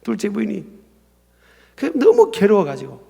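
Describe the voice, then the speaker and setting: Male pastor, high and gravelly, animated sermon delivery in a reverberant sanctuary. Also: normal speed. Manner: animated preaching, acting out quoted prayers and dialogue. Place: church sanctuary.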